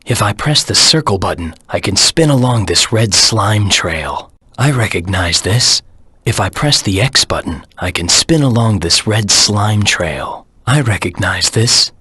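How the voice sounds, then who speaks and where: A brooding video game antihero hedgehog with a low, very raspy voice. The delivery is hard-edged and forceful, terse and coolly analytical, recorded very dry and close. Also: male voice, expressive, measured pace, no room sound, exaggerated voice. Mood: serious, watchful. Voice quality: gravelly, husky. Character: brooding, gruff male anthropomorphic hedgehog antihero. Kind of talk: scripted video game voice lines.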